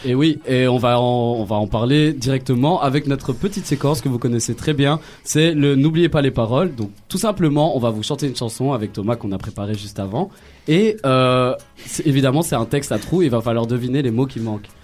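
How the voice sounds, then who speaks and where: A man co-hosting a casual radio show, relaxed and easygoing as he explains a game. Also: medium pitch, brisk, soft background music. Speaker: radio co-host.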